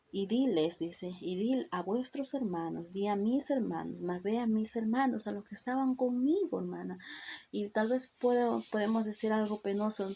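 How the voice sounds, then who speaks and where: Earnest woman preaching in Spanish, gravelly. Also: medium pitch, warm tone, a little hiss or hum. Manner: repeatedly says "hermana" and "¿verdad?"; earnest, with slips and restarts. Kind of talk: devotional Bible teaching.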